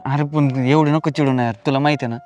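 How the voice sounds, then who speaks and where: An actor playing an irritable, two-timing husband who answers defensively and snaps back. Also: male voice, mid-range voice, steady tone, fast, darkish tone, soft background music, close to an everyday voice. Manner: defensive, snapping, short-tempered. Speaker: cheating husband. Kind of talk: comedy film acting.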